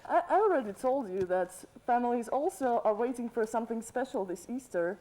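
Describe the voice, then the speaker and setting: A woman playing a cheerful, cheeky Easter Bunny in a student TV sketch interview, relaxed and plain-spoken with hesitant fillers. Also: on the high side, a little fast, natural voice, low-quality recording. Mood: casual. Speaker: interview guest.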